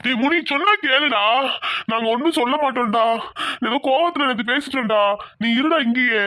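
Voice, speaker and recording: A grieving old village landlord from a cartoon drama, voiced by a man, who comforts his family and gives firm orders. The voice is pushed very high and bright. The recording is close and dry. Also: a little fast, no room sound. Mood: commanding. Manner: consoling, commanding. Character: elderly male village landlord, grieving grandfather. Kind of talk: Tamil cartoon drama voice acting.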